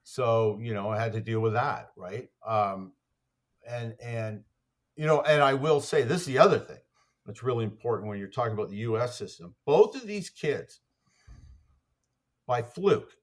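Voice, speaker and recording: An athletics coach appears as a podcast guest, telling stories in a casual, rambling way full of fillers and restarts. His mid-range voice has lively intonation and moves at a normal speed.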